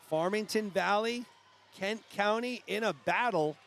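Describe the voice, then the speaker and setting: New england guy calling a swim meet, high voice, bit of noise behind. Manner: brisk play-by-play, rising to shouts at finishes. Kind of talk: live sports commentary.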